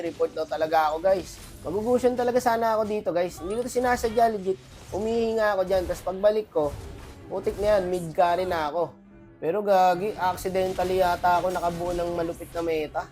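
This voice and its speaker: A man's voice: high-pitched, fast talker, darkish tone, faint music behind. A man with a cold giving chatty, boastful gameplay commentary to his viewers as a streamer. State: has a cold, voice affected. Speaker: gaming streamer.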